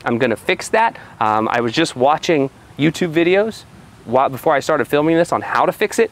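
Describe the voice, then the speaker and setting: A man in his thirties talks casually to camera as a gear reviewer. His voice sits a little higher than average and has a crackly, gravelly fry. He is recorded outdoors on a small mic that adds hiss. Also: expressive, fairly quick. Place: outdoors at an open car tailgate. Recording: loud hiss from poor microphone.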